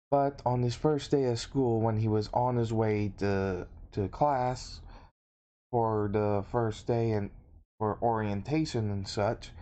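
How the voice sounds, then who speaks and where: Slow, mellow male storyteller. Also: mid-range voice. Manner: halting, casual retelling. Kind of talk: unscripted story narration.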